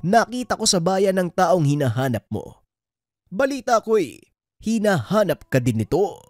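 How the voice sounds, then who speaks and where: A man's voice: high voice, very animated, a little slow, a little mellow, dry recording, studio quality, voice pushed up. A man voicing an old village man who passes on news in a matter-of-fact way. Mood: knowing.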